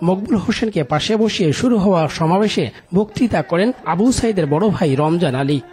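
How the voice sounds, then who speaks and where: A male TV news reporter reading a scripted voice-over in a steady, formal manner. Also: sits high, brisk.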